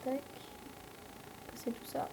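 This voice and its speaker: Une jeune femme à l'français commente sa partie de jeu vidéo sur un ton décontracté et bavard, avec beaucoup d'hésitations. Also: female voice, takes it slowly, background noise. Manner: rambling, chatty, many fillers. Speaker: let's play host. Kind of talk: casual gameplay commentary.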